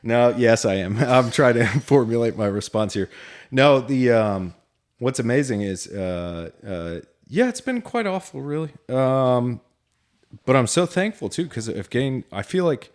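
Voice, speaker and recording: A man's voice: medium pitch, measured pace. A man co-hosting a podcast, talking in a casual, rambling, reflective way with lots of fillers. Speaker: podcast co-host.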